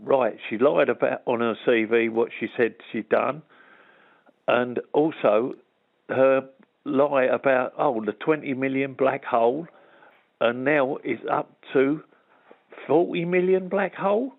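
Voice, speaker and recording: A man's voice: medium pitch, measured pace, vocal fry. An angry man calling in to a radio talk show over a phone line, talking in an accusing way. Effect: radio show caller on a phone line.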